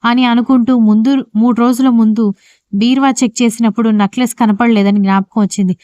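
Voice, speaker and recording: A woman storyteller reading a scripted audio story with brisk, steady narration. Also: fairly high pitch, no echo, clean studio sound.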